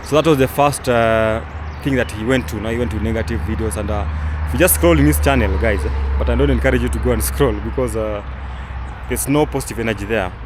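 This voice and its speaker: A young Kenyan travel vlogger gives casual commentary outdoors, talking fast in a mid-range voice and rambling with many fillers and restarts. Traffic noise can be heard in the outdoor recording.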